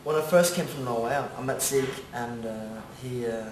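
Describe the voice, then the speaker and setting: A young man playing a mild, halting drummer nicknamed the Chief in a mockumentary interview. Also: mid-range voice, natural voice. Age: young adult. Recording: roomy, a bit distant, faint noise.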